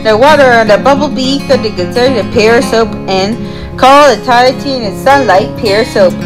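A woman's voice: a little high, normal speed, music in the background, rough recording. A woman improvising rambling mock-commercial patter in disjointed strings of product names.

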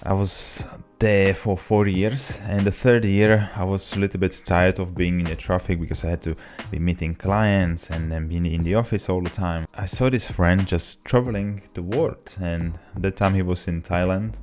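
A young Czech man with a Czech accent and a deep voice tells his story to camera in a relaxed, casual way, his English slightly broken. He's a vlogger speaking at a moderate pace with few pauses into a boom-arm desk mic in a small home office. There's slight background noise.

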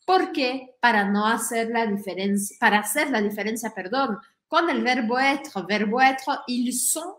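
Woman, French teacher, slow pace, echoey room. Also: fairly high pitch, fairly bright tone. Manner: drills conjugations slowly, repeating each form. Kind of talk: online language lesson.

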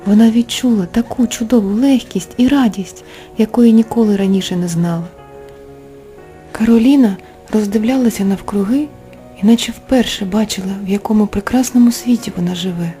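Mellow-voiced woman narrating a bedtime tale. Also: mid-range voice, fairly quick. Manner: expressive, animated. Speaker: author reading her own tale. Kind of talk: storybook narration. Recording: soft music underneath.

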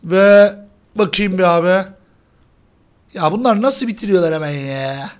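High-voiced excitable young man. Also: unhurried. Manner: shouts and repeats words when tense. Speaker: gaming channel host. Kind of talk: excited gameplay commentary.

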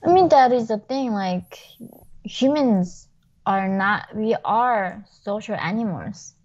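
A young North Korean woman, a guest speaking English as a second language with a Korean accent, tells her personal story in a video-call interview from her home kitchen. She talks fast and emphatically, using "like" often, in an expressive, medium-pitched, slightly mellow voice. The sound through her wired earbuds is muffled.

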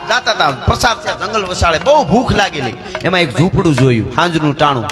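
A high-pitched man with a Kathiyawadi Gujarati accent tells folk tales. He presses home morals with emphatic rhetorical questions. Music plays clearly behind his voice on a live stage recording. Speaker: folk storyteller. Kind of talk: Gujarati folk discourse with storytelling and sung verses.

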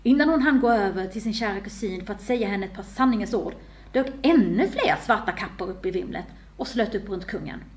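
Woman, author, reading a story aloud, expressive. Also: mid-range voice.

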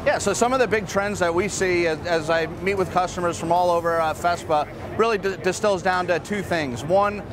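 A man in his fifties, a marketing executive, giving a brisk, upbeat walkthrough of machines at a busy trade fair, with frequent fillers. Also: sits high, music in the background. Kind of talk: trade show product walkthrough. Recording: clear trade hall ambience behind.

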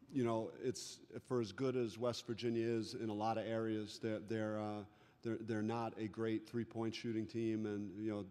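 A middle-aged man, a head coach, answering reporters at a postgame press conference into a table microphone, measured and full of restarts and "you know" fillers. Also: on the low side, warm tone. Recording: long reverb of a large room.

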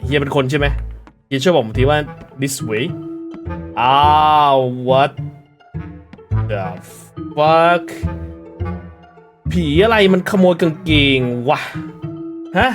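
Excitable, joking male gamer. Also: a little high, drawn-out words, pauses often. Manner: joking, swearing, laughing, reads game text aloud. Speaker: gaming streamer. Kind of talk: casual let's-play commentary. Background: game music.

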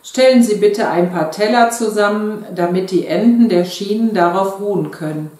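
A woman's voice: medium pitch, normal speed, darkish tone, lightly acted. Woman reading an eager playful husband. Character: eager middle-aged husband playing train driver. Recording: very echoey room.

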